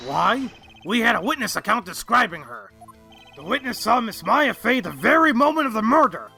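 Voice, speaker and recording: A man's voice: sits high, very animated, normal speed, vocal fry, bright, forceful tone, husky, soft background music, heavily acted. A man voicing a bumbling, eager-to-please homicide detective in a game fandub, deferential and blustering. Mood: earnest testimony. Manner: deferential, blustering, ending sentences with "sir". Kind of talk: game fandub character acting.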